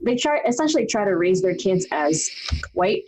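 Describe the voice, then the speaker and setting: A woman's voice: medium pitch, big pitch swings, moderate pace, a little mellow, a little hiss or hum, poor audio. A young woman from the Philippines, co-hosting a casual group chat, talkative and swearing freely. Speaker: podcast co-host.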